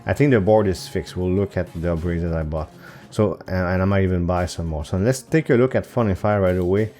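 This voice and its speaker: A man's voice: deep voice, a little fast, mellow, faint music behind. A man hosting his own gaming channel, thinking aloud over gameplay with hesitant fillers and self-corrections. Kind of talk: casual gameplay commentary. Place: home recording setup.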